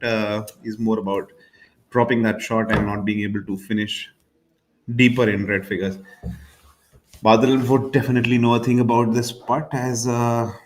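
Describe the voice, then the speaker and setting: A man working as a golf commentator on a live tournament, talking in a measured, wordy, analytical way. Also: fairly low pitch, little pitch movement, background noise. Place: indoor air-conditioned commentary room.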